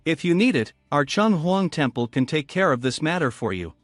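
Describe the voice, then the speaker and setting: A man's voice: a little high, expressive, moderate pace, no room sound, lightly acted. A man voicing a timid, earnest male town god who speaks politely and anxiously. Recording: dry with faint music.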